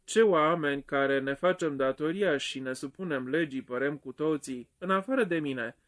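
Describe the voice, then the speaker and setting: A man's voice: on the high side, a bit bright, lightly acted. Guy doing cocky adventurer guy, sarcastic, poking at people. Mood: mocking. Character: mocking male adventurer, bold.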